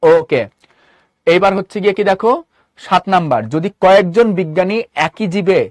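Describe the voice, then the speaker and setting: A man's voice: high voice, no echo, clean studio sound. A man with a Bangladeshi Bengali accent teaching a live online class, rattling off questions to his students. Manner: quick, repeatedly quizzing students with rhetorical questions. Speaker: online tutor.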